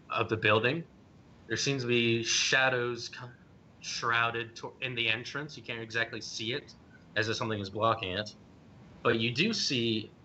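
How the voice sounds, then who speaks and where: A man narrating a tabletop game, his voice bright and forward, pausing often with ums and uhs as he describes each room. The sound is dull and lo-fi, with a faint low rumble behind it. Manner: hesitant, many ums and uhs. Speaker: game master.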